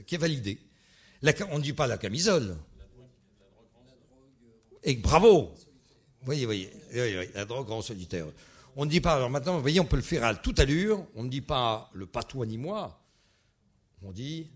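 A man leading a wordplay game with an audience, animated and hesitant, full of restarts and fillers. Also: mid-range voice, breathy edge. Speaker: word game leader.

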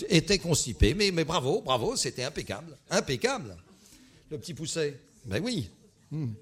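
Brief: husky male game leader, animated, stumbling restarts, rising excitement. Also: medium pitch. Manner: animated, hesitant, with many restarts and fillers. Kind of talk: leading a word game with an audience.

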